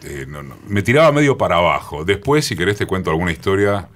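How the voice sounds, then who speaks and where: A man in his sixties with a Rioplatense accent and a booming, forceful deep voice, telling his story in a radio studio interview with many pauses. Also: big pitch swings, a little hiss or hum. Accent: Rioplatense Spanish. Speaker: radio journalist guest. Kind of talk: reminiscing interview talk.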